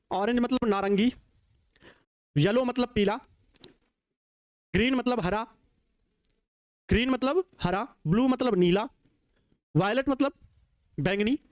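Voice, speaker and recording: Male physics tutor, high voice, jokey call-and-response teaching, dry close sound. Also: no echo. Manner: playful, teasing, laughs at his own jokes; repeats questions and answers in call-and-response. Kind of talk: jokey classroom lecture. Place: small teaching studio with a digital board.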